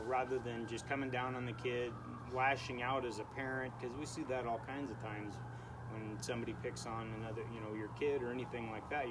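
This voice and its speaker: A man hosting a casual podcast, talking at length in a rambling way. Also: mid-range voice. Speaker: podcast host. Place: outdoors in a backyard at night. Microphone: studio microphone on a stand. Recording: noisy outdoor backyard recording.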